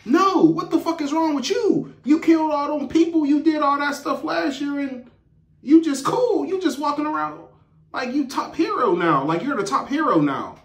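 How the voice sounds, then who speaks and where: A man voicing a furious young woman who shouts high-pitched accusations at a friend, recorded with a roomy echo. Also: animated, takes it slowly, full character voice.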